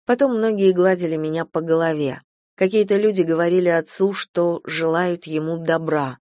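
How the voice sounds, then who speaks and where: A woman reading a first-person story as an audiobook narrator, calm and measured, on a close mic. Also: lowish voice, no room sound.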